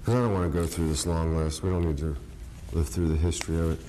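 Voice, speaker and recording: Very deep, mellow man with a quiver. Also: fairly even intonation, a little hiss or hum. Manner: hesitant, halting, with a quivering voice. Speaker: county official. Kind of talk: unscripted formal remarks at a government meeting. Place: indoor government meeting room.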